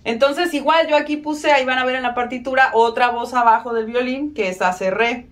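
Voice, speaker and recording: A woman's voice: high voice, steady tone, normal speed, soft background music. A woman giving a casual violin lesson, friendly and self-mocking, counting beats aloud. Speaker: violin teacher.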